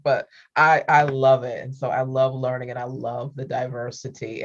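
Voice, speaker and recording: A woman's voice: very deep voice, darkish tone. A middle-aged woman hosting an interview over a video call, chatting freely, laughing often and repeating her words. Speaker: interview host. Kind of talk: casual interview chat. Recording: dull lo-fi call audio.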